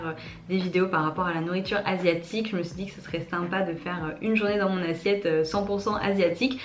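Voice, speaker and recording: A young woman narrating a casual food vlog, gushing with enthusiasm about each dish. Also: fairly low pitch. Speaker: food vlogger.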